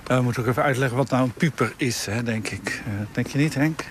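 A man's voice: medium pitch, fast talker, a little hiss or hum. A man who is a bird sound expert, explaining things in a chatty way outdoors. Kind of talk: explaining in a field report. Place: outdoors in open grassland.

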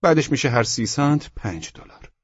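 A man voicing a courteous male junk-store salesman with pleasant, smooth sales patter, on a dull lo-fi recording. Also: medium pitch, lively intonation, dry recording, pitched above the performer's own voice.

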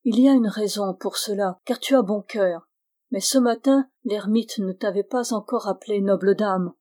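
Feverish young noblewoman voiced by a woman reader, frightened, pleading, mid-pitched. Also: moderate pace, mellow, close to an everyday voice. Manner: anxious, pleading.

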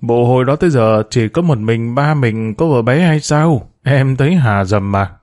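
A man's voice: mid-range voice, moderate pace, darkish tone, natural voice. A man voicing a sullen teenage son in a spoken storybook, sulky and offhand.

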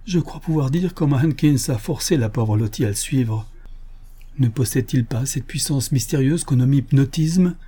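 A man's voice: medium pitch, normal speed, dark tone, slightly rough, voice pushed up, natural voice. A man voicing an anxious, tearful young mother in a read adventure story.

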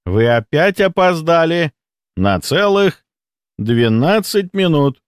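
Man voicing a smug hospital chief, theatrical, mock-friendly, lively pitch, dry sound. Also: a little slow, dry recording. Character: smug scheming middle-aged male hospital chief.

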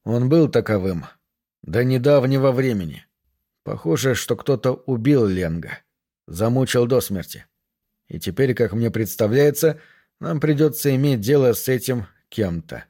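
A man reading an audiobook, voicing a grave, restrained FBI agent who speaks slowly and low. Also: animated, mellow.

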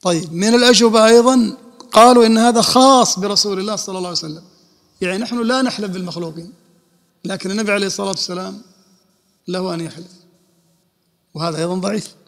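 A man's voice: high-pitched, very fast, long pauses, a bit bright. A man, an Islamic scholar, giving a religious lesson and explaining rulings by posing and answering his own questions. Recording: long hall reverb.

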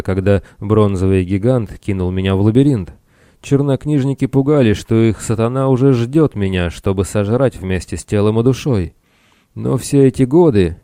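A man voicing Ciron, a worn-out, excitable pirate who talks eagerly and exclaims a lot. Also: lowish voice, dry recording, studio quality. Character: weary male pirate, excitable and warm-hearted.

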